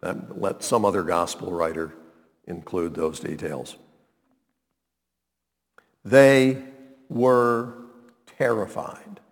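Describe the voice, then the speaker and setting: A man preaching a sermon as pastor, talking conversationally with drawn-out phrasing and frequent check-ins with the congregation. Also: sits low. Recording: long hall reverb.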